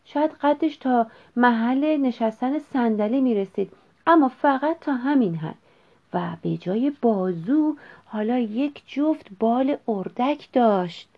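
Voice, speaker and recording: A woman reading a children's story aloud in an expressive, measured way. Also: a little high. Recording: dull lo-fi recording.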